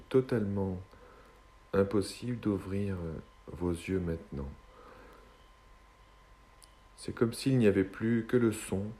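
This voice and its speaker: A man guiding a hypnosis session in a slow, soothing hypnotist's manner, with long pauses between short phrases. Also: low-pitched, warm tone.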